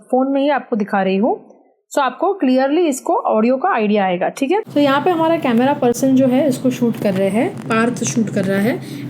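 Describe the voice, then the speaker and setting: High-voiced young woman reviewing a mic. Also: noisy background. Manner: chatty, explanatory, mixes English phrases into Hindi. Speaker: content creator reviewing a microphone. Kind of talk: casual product review vlog. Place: indoor room with fan and AC running. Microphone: wireless lapel mic.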